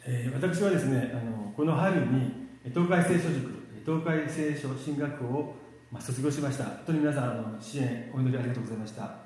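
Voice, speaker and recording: A man giving a church sermon in a relaxed, self-deprecating, joking way, with many fillers and pauses. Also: mid-range voice. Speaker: lay preacher. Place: church hall. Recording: very echoey hall.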